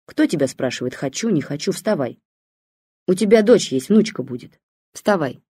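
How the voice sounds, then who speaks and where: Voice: medium pitch, expressive, moderate pace, dark tone, slightly rough, dry recording, clean studio sound. A reader doing a stern old fortune teller. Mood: commanding. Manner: curt, commanding. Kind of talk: audiobook character voice.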